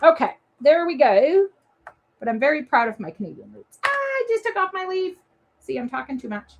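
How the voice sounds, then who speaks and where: A woman's voice: sits high, sing-song, moderate pace, a little hiss or hum. A woman from Maine with a Maine accent, hosting a live papercraft demo and chatting to viewers as she works. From Maine, USA. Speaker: papercraft show host. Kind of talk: live crafting demo chat.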